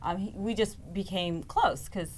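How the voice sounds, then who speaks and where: A woman's voice: mid-range voice, measured pace, slight background noise. A woman, a real estate agent, telling an earnest story on a studio panel show.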